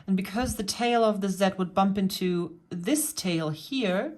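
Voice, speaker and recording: A woman's voice: medium pitch, a little slow, a little mellow. A woman vlogger patiently explaining and pointing things out in a casual show-and-tell about her cross-stitch hobby.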